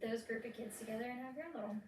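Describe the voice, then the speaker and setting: A woman in her thirties co-hosting a podcast in casual chat, supportive and quick with agreement. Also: a little high, slight background noise. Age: 30s. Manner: supportive, frequent "mm-hmm" backchannels. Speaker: podcast co-host, mom and teacher. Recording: roomy sound, distant mic.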